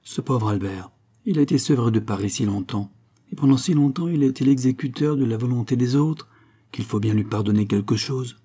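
Man voicing a genial teasing young nobleman, husky, dark tone, audiobook. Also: mid-range voice, fairly quick, natural voice. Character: kind indulgent young nobleman, teasing brother-in-law.

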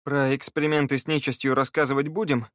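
Male reader playing a worn-out young wizard, grumbling and quiet, dry close recording. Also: medium pitch, level tone, quick pace, no room sound, lightly acted. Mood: weary. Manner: grumbling, weary.

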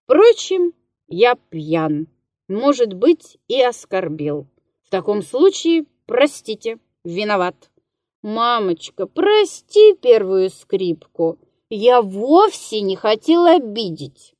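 Drunk male musician, slurred and mocking, unhurried, dry close sound, read by a woman. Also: mid-range voice, very animated, a little mellow, no echo. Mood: wheedling.

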